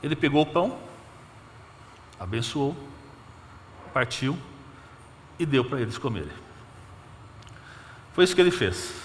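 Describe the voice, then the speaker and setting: A man with a Brazilian Portuguese accent preaching a sermon as pastor, murmuring soft counts and building to emphatic appeals. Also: medium pitch, sing-song, unhurried, long pauses, a little hiss or hum. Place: church sanctuary. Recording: long church reverb with faint ambience.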